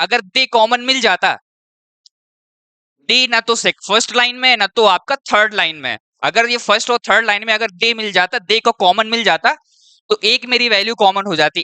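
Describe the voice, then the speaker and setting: Speaking in a clean, high-sitting voice that's bright and forceful, this man walks students through exam preparation one step at a time. The recording is dry, and he repeatedly asks how the class is doing, leaning on the word "your."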